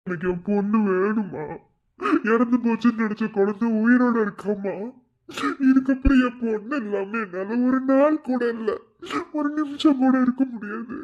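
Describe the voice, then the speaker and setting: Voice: mid-range voice, normal speed, highs cut off, close to an everyday voice. A performer voicing a heartbroken father in a cartoon, tearful and pleading. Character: heartbroken father, weeping and bitter. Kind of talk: animated cartoon voice acting.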